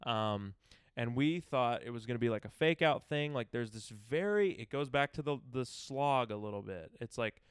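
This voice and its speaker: A man's voice: medium pitch, expressive, moderate pace, clear, resonant tone, dry recording, studio quality. A young man co-hosting a podcast, talking loosely about a movie with lots of fillers and easy laughs. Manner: rambling, filler-heavy, laughs easily. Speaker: podcast co-host. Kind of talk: casual chat.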